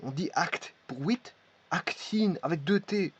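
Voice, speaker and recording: A language teacher leads a hesitant spoken lesson, pausing often and repeating every word to demonstrate its sound. His husky voice is somewhat high for a man. The audio is dull and lo-fi.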